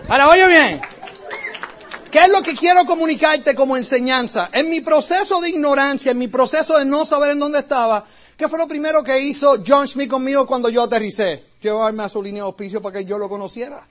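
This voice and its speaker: A man from Puerto Rico with a Puerto Rican accent, giving an animated storytelling talk to an audience as a motivational speaker. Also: very high-pitched, brisk. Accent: Puerto Rican Spanish. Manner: animated, acts out quoted voices. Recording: dull lo-fi recording.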